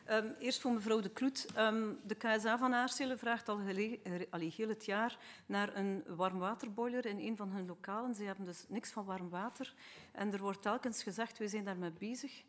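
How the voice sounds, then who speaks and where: A Flemish woman speaking as a council member, laying out local problems in earnest detail. Her voice is mid-pitched. She talks at a steady, even pace. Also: moderate pace. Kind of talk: asking questions at a council meeting.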